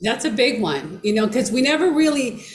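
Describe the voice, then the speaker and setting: Female co-coach, reflective and halting, slightly higher voice, roomy sound. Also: very animated. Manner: reflective, halting, many fillers and restarts. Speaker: brain-training coach. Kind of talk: teaching an online class. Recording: roomy echo with faint background noise.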